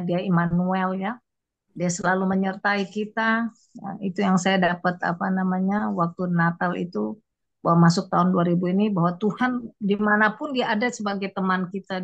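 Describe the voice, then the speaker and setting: A woman's voice: medium pitch, lo-fi sound. An older woman sharing a rambling, emotional church testimony in casual speech, often quoting others. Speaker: church member giving testimony.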